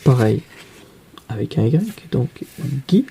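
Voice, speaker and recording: A man teaching young children to read, explaining each card slowly and patiently and asking questions as he goes. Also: mid-range voice, sing-song, creaky, mellow, slight background noise. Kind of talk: reading lesson for young children.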